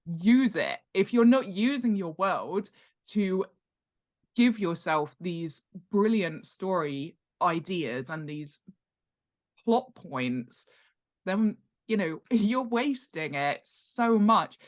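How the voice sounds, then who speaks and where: With a voice on the low side, the woman talks slowly and animatedly as an interview guest. An author and expert in world-building, she explains her craft conversationally, with enthusiasm, emphasis, and an easy laugh.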